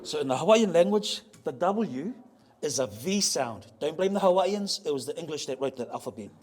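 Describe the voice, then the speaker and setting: A man's voice: on the high side, animated, a little mellow, a little hiss or hum. A man giving a public talk to a live audience, playful and joking, spelling out how words sound and getting the crowd to repeat them. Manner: spells out pronunciation slowly. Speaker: speaker on ocean voyaging heritage. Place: museum talk venue.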